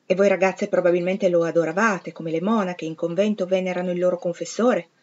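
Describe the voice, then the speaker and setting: A brusque, imperious gentleman, as a woman reader puts him on, clipped and used to giving orders. His questions come short and commanding, in a middle-low voice. The recording is a little dull and lo-fi. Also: fairly even intonation, a little fast, lightly acted. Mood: probing.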